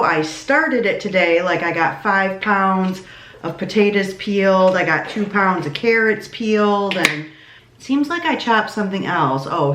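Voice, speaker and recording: A woman's voice: mid-range voice, fairly bright tone, a little hiss or hum. Chatty woman food vlogger, echoey kitchen. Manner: chatty, laughs often. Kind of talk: casual food vlog narration.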